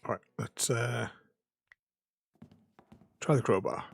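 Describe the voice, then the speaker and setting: A man's voice: mid-range voice, takes it slowly, creaky, slightly rough, soft background music. A man giving casual gameplay commentary, thinking aloud hesitantly. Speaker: game player commentator.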